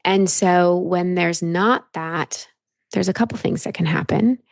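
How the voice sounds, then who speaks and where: A woman with a low, gravelly voice runs a coaching session. She explains things calmly and patiently, going step by step and returning to her key phrases. Her voice sits close and dry on the mic. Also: unhurried, no room sound. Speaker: life coach.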